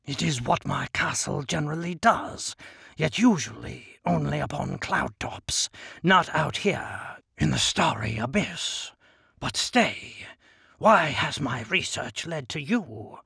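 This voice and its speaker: A man voicing a cunning, menacing giant djinn king, deep-toned and slow, in a hushed threatening manner. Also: lively intonation, creaky, slightly rough, no room sound, clean studio sound, exaggerated voice. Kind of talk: audiobook character voice.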